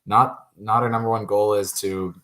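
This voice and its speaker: A young man with a somewhat low voice hosts a casual podcast chat. He rambles and jokes, leaning on fillers as he talks. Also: fairly even intonation, normal speed, pushed and bright. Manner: rambling, joking, many fillers. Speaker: podcast host.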